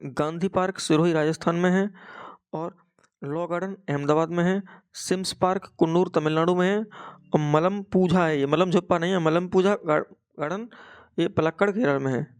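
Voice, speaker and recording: A man's voice: a little high, steady tone, normal speed, clear, resonant tone. A young man with a Hindi accent teaching an exam-prep lesson, saying each fact twice as if for dictation.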